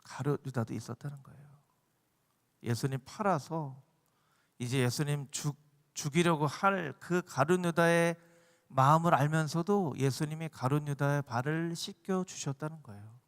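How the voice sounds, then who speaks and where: Casting: high-voiced male pastor, passionate preaching, long sanctuary reverb. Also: moderate pace. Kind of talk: sermon. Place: church sanctuary.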